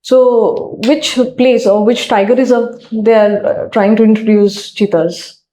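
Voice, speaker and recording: A woman with an Indian accent questions formally as a member of an interview panel. Her voice is slightly high and quite mellow, recorded in an echoey room. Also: fairly even intonation, unhurried. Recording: echoey room, faint noise.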